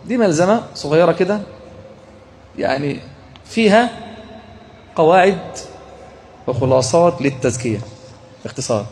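A man with an Egyptian accent giving an animated, joking religious lecture, often firing questions at his listeners. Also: on the high side, moderate pace, long pauses, a little hiss or hum. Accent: Egyptian Arabic. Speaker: religious teacher. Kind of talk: lively religious lecture to a live group.

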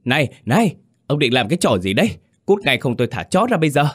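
A man voicing a frightened village woman shouting at an intruder in a shrill, scolding voice. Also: big pitch swings, quick pace, husky. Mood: panicked scolding. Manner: shrieking, scolding.

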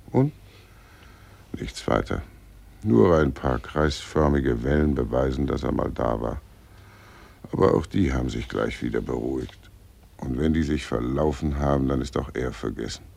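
Death as a fat, cheerful undertaker with a sardonic streak, in a classic radio play. His voice is extremely deep, rough and gravelly. It has a husky edge. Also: a little mellow, heavily acted. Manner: cheerful, sardonic, belches, mocking. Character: fat, cynical, burping undertaker who is Death. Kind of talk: 1940s radio acting.

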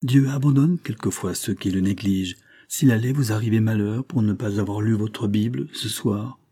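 A man's voice: lowish voice, moderate pace, dark tone, husky. A man reading aloud and voicing a devout, fretful old nursemaid with earnest, scolding piety.

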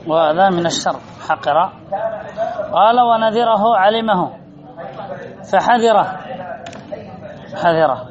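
High-voiced sheikh teaching a class. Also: male voice, slow, pauses often, lo-fi sound, crowd noise. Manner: reads a phrase, then explains it, repeating key words and asking the class questions. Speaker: sheikh teaching Arabic morphology. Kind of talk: classroom lesson explaining a text line by line.

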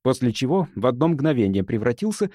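Man, audiobook narrator, animated delivery, dry close sound. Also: mid-range voice, fairly quick, dry recording. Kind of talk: scripted first-person audiobook narration.

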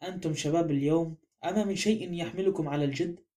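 A man's voice: a little high, fast, mellow, natural voice. A man voicing a vain, proud male detective in an audiobook, pompous and insistent in his manner. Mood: stern. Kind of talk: audiobook character reading.

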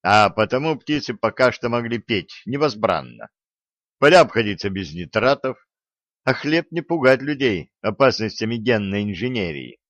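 A man narrating an audiobook in an even, wry storytelling manner. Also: fairly low pitch, normal speed, no echo, lo-fi sound. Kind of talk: scripted narration.

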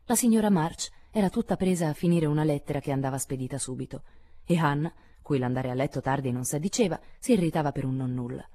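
A woman with a low-pitched, mellow voice narrates a classic novel aloud. Her reading is measured and expressive, and she drops softer and quieter for reflective passages. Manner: measured, expressive, lowering for asides. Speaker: audiobook reader. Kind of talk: literary audiobook narration.

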